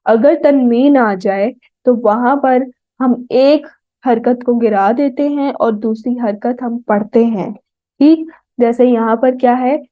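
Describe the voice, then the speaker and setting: A woman with a Pakistani Urdu accent teaching a tajweed lesson, sounding out Arabic words slowly and often checking "right?" with her students. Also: fairly high pitch, dry recording. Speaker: Quran recitation teacher. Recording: tinny phone-like dry audio.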